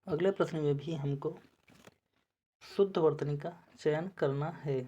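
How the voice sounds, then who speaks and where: A woman teacher with a low, mellow voice talks through exam spelling questions at an unhurried pace. She repeats each word as she checks it, moving methodically from option to option. The recording is slightly dull and lo-fi. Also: husky. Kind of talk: explaining spelling quiz answers.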